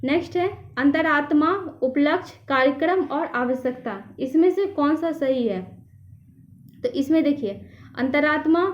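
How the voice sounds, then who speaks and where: A woman teacher taking a class through an exam prep lesson, patiently checking each answer option in turn. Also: high voice. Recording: echoey room, slightly dull sound.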